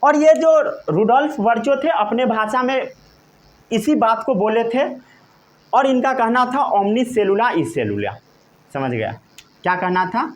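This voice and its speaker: A male teacher with a high, lively voice gives a classroom lecture. He talks slowly, dictating terms word by word and often pausing to ask if everyone has understood. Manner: repeatedly checks understanding with short questions; slow, emphatic dictation of key terms.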